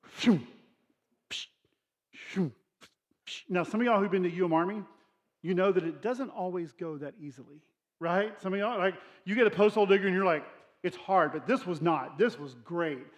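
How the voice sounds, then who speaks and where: High-voiced pastor telling a story. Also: male voice, fairly quick. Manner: storytelling with acted dialogue and sound effects; conversational, addresses congregation directly. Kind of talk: sermon.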